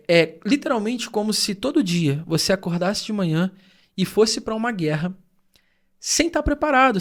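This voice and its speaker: An earnest, high-voiced man from Rio de Janeiro state, Brazil, talks thoughtfully as a co-host of a reflective podcast. He tends to explain things at length.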